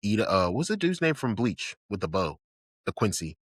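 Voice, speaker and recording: Male co-host, casual rambling chat, low voice, dry studio sound. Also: big pitch swings, moderate pace, slightly rough, no echo. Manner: rambling, filler-heavy, enthusiastic. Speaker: podcast co-host. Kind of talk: casual chat about anime.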